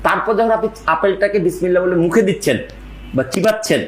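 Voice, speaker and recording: Emphatic high-voiced man, fast and echoey. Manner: emphatic, repeats words for stress, asks rhetorical questions. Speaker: health speaker. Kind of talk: emphatic lecture-style talk. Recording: echoey room with faint background noise.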